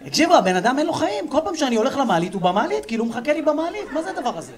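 A man performing stand-up comedy to a live audience, telling stories in a lively way. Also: very high voice. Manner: lively, animated storytelling.

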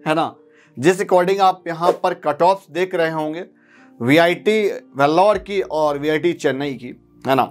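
A man in his thirties explaining a step-by-step process to students in a teaching video, often checking in with a quick question. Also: high voice. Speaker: counselling guide. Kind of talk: explanatory lesson. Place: studio with blackboard.

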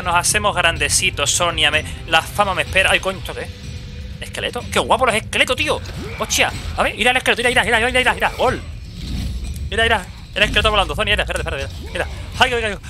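Excitable Spaniard streaming a game; sharp, bright tone, swears a lot. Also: male voice, fairly high pitch. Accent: Spain Spanish. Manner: excitable, swearing, reads chat aloud. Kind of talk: casual gameplay commentary.

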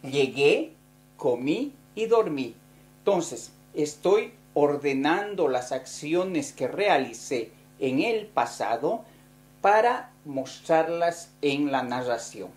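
A woman in a recorded grammar lesson talks in a lowish voice. She moves at a very slow, deliberate pace. Each verb form gets laid out carefully for learners to follow. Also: expressive, a little mellow, soft background music. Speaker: Spanish teacher.

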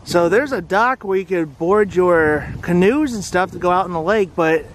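A man's voice: high voice, moderate pace, a little hiss or hum. A man hosting a casual travel vlog, narrating a walk around a lakeside forest preserve with chatty, tour-guide commentary. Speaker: vlog host.

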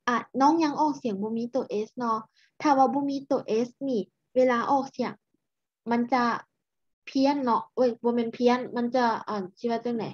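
High-voiced Lao woman tutoring over a call. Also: no room sound. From Laos. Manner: patient, corrects pronunciation slowly. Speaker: English teacher. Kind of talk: online tutoring. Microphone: video call. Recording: muffled video-call audio.

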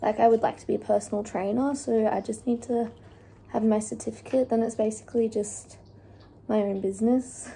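Young woman, gravelly chatty vlog voice. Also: on the high side, fairly even intonation, a little fast, mellow, a little hiss or hum. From Australia. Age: young adult. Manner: chatty, talks while cooking with fillers. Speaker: vlogger. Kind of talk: casual cook-along chat. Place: home kitchen, indoors. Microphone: phone camera on the counter.

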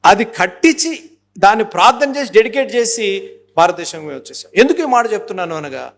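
A man's voice: sits high, lively intonation, brisk, fairly bright tone, slight background noise. A man in his fifties preaching a sermon as pastor, emphatic and driving, slipping English phrases into his talk and acting out little dialogues.

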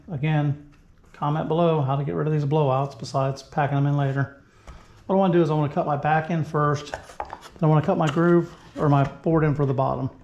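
A man's voice: a little high, warm tone. Plain-spoken man in an echoey workshop. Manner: plain-spoken, step-by-step, talks through each move as he works. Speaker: woodworking channel host. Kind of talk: casual how-to narration while working. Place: home woodworking shop, indoors. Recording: echoey garage shop with faint noise.

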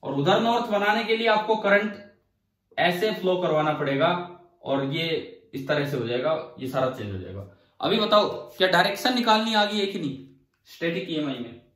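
A man's voice: high voice, animated, moderate pace, fairly bright tone, reverberant, far from the mic, poor audio. A male physics teacher giving a classroom lecture. He asks the class questions, answers them himself and repeats key phrases to drive the points home.

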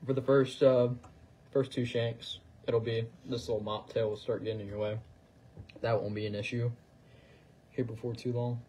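Man, fly-tying demo, casual, level flat delivery, slight room noise. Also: medium pitch, normal speed, pauses often. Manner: relaxed, talks while working, fillers and trailing phrases. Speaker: fly tier demonstrating on a livestream. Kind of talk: casual instructional chat.

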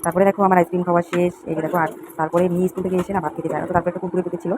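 With a lowish voice and an even tone, this young woman speeds through her casual home vlog, her talk to viewers running on and repeating itself. Noise is clearly audible in the home recording, and the loudness is inconsistent.

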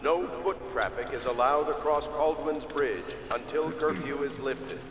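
An actor voicing a male official announcing a curfew over a public loudspeaker, in a formal, measured game announcement. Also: a little high. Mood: stern. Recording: echoey, distant outdoor loudspeaker.

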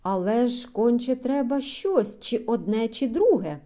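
A pedantic male philosophy teacher, read by a woman, lecturing slowly and carefully in a mellow, warm voice. His pitch rises and falls in lively sweeps as he explains. It has a storybook read-aloud feel. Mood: coaxing.

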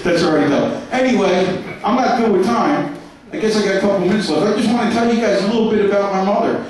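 Male stand-up comic, high-pitched and brash, crude punchlines, echoey club recorded from afar. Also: fast talker, darkish tone. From New York. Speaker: stand-up comedian. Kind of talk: stand-up comedy set. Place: comedy club stage, live audience. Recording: echoey club heard from a distance.

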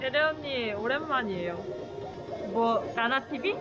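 A woman's voice: on the high side, animated, measured pace, muffled recording. Playful young woman talking through a mask. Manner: playful, teasing, greets viewers brightly. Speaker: vlog host, group member. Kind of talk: casual chat on a food vlog. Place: crowded food spot while waiting in line. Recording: loud crowd and music behind. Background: crowd chatter and music.

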